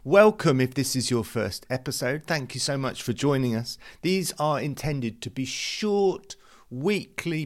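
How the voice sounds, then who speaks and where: Earnest uk guy hosting a faith podcast, chatty, lots of uhs. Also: mid-range voice. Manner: earnest, conversational, frequent uh fillers. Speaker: youth ministry podcast host. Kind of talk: devotional podcast talk.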